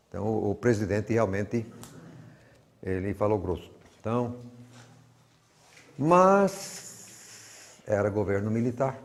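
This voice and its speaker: A man's voice: fairly low pitch, a little mellow. An older man from Brazil with a Brazilian Portuguese accent, giving a rambling, conversational teaching talk full of personal stories. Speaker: Bible teacher.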